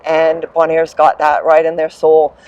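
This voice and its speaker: A woman's voice: sits low, completely flat delivery, a little slow, muffled recording. A middle-aged woman from New Zealand, answering interview questions with upbeat, enthusiastic energy about her business. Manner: enthusiastic, upbeat, warm promotional tone. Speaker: land sailing business coordinator, guest.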